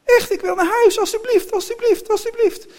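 Male reader as frightened young girl in a storybook, high, pleading. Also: steady tone, fairly quick, a little mellow. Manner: pleading, crying out.

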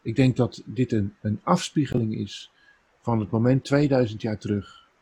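Gravelly, husky preacher man. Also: medium pitch, moderate pace, low-quality recording. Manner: earnest, emotional, rising to emphatic peaks then dropping soft. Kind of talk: sermon.

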